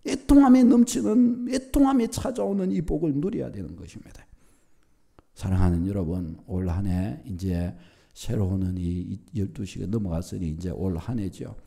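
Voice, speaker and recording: A middle-aged man preaching a sermon as pastor, emphatic, repeating key phrases and building up to near-shouts. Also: on the low side, moderate pace, gravelly.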